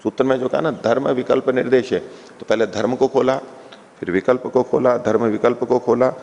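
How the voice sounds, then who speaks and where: A man with a gravelly, creaky voice teaches a classical philosophy text. He takes his time, repeating each term and breaking it down for his listeners. His voice carries a long reverb, as if he is speaking in a large hall. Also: mid-range voice, steady tone, normal speed, a little mellow, lo-fi sound. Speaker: scripture teacher. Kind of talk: explanatory lecture on a philosophy text.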